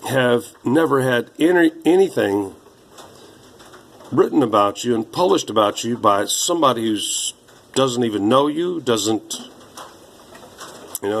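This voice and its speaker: A man in his sixties, rambling slowly through old papers, halting with many fillers. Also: mid-range voice, rough recording. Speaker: vlogger.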